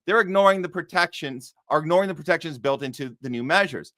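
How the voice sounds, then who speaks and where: A man hosting a news countdown show, reading stories haltingly and dropping in sardonic commentary. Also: fairly high pitch, expressive, a bit bright, dry recording, studio quality. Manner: sardonic asides.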